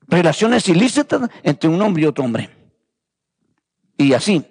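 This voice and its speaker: A man's voice: fairly high pitch, very animated, a little slow, darkish tone, husky, big-room sound. A man preaching a fervent sermon, repeating phrases and calling his listeners brothers. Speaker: pastor.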